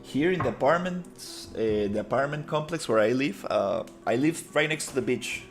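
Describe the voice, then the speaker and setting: A Costa Rican man models in 3D during a live stream, chatting in a laid-back, meandering way with lots of fillers and muttering as he goes. He has a mid-range voice with lively intonation at normal speed, and soft music plays underneath.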